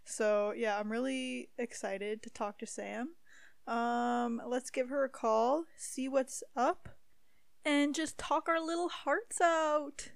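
A woman's voice: sits high, steady tone, slow, vocal fry, dry recording. A young woman from Ontario, Canada, hosting a casual podcast chat in an upbeat, giggly way with lots of fillers. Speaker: podcast host.

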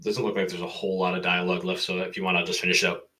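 Young man, podcast co-host, low voice, bright sharp tone, joking reading. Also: little pitch movement, very fast. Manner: laughing, crude banter. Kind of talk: casual comedic story reading.

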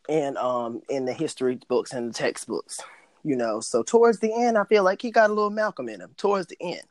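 A man's voice: a little high, no room sound. A man co-hosting a casual podcast, speaking frankly and rambling with many restarts and fillers. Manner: frank, tells it like it is. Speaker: podcast co-host. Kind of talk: casual chat.

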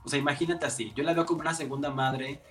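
A man with a Mexican accent, a makeup artist telling stories in a casual, lively interview. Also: a little high, fast talker, soft background music. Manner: animated, expressive, many fillers.

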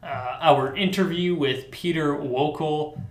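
Relaxed young man co-hosting, roomy sound. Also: a little high, slow pace. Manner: relaxed, easygoing, laughs often. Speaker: podcast co-host. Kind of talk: casual sports podcast chat.

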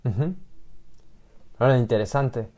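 A man's voice: medium pitch, normal speed, dark tone. A man with a Mexican accent hosting a podcast interview, chatty and curious, repeating words as he thinks aloud. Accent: Mexican Spanish. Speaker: podcast host. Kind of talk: casual interview.

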